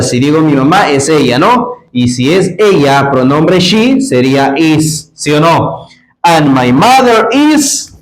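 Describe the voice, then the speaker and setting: Slow-spoken man teaching English grammar. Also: a little high. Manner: explains in Spanish, asks the class many questions; spells out letters slowly. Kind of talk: classroom-style grammar lesson. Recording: echoey room.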